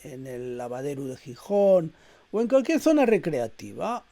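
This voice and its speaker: A middle-aged man delivering a reflective spoken essay in a measured, hesitant way, with frequent "eh" fillers and repeated words. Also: a little high, sing-song, gravelly, warm tone. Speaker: essayist reading his own text.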